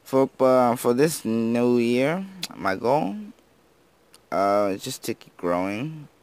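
A man's voice: medium pitch, takes it slowly, a little mellow, smooth. A teenage boy chatting casually over his gameplay, rambling and self-deprecating, who admits he slurs his words and has just woken up. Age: teens. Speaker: gaming YouTuber.

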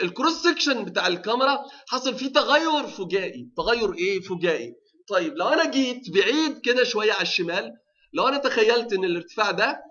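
A man's voice: sits high, pushed and bright, muffled recording. A male university lecturer with an Egyptian Arabic accent, giving a technical lecture, often asking the class rhetorical questions and restarting his sentences.

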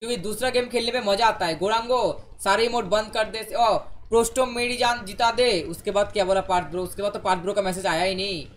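A man's voice: high-pitched, steady tone, fast, hardly any pauses, fairly bright tone. A man chatting casually on a live game stream, bantering with viewers and teammates and dropping into English phrases.

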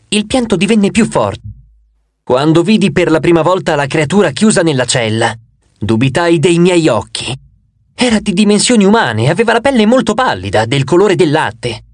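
A man narrating an audiobook in the first person, expressive with a wry touch. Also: on the high side, dry recording.

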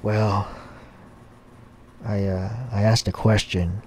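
A man's voice: fairly low pitch, level tone, slow pace, darkish tone, slight background noise. A man voicing a hesitant condemned man who rambles through long lists with fillers.

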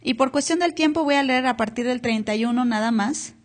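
High-voiced woman pastor preaching live. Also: brisk. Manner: asks the congregation to repeat words aloud. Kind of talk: sermon. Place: church hall, captured live.

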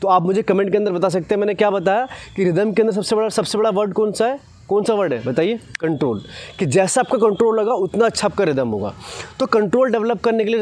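A man in his 20s with a high, slightly mellow voice coaches fast bowling to camera on an open grassy cricket ground. He explains technique like a coach, often adding short tag questions, and is recorded on a lapel mic.

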